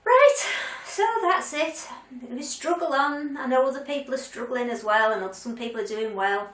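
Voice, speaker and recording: A woman's voice: fairly high pitch, level tone, brisk, fairly bright tone. Chatty woman vlogging in a roomy space. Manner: chatty and candid, with frequent ums and restarts. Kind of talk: casual chat to camera. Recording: roomy sound, mic at a distance.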